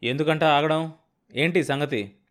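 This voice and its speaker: A man's voice: mid-range voice, animated, moderate pace, natural voice. A man voicing a hardworking, proud farmer father who speaks firmly and with emphasis. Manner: firm, emphatic.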